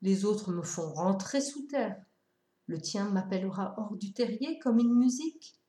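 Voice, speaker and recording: Woman doing wise old fox from a storybook, calm and wistful, warm mellow tone. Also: medium pitch, measured pace, reverberant, close to an everyday voice.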